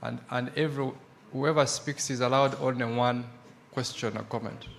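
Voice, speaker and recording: Gravelly-voiced man as a conference moderator, steady and directive, miked in a hall. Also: mid-range voice, normal speed, slight background noise. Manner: steady, directing the room with short instructions. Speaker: session moderator. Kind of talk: chairing a conference Q&A.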